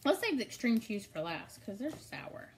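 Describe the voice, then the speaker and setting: A woman's voice: fairly high pitch, big pitch swings, moderate pace, slight background noise. A middle-aged woman hosting a casual snack-tasting video, chatting and laughing often. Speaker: vlog host.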